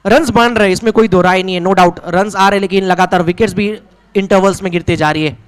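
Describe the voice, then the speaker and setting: A man's voice: high voice, steady tone, a little fast, smooth. A man with an Indian accent giving live ball-by-ball cricket commentary, calling out scores in both English and Hindi.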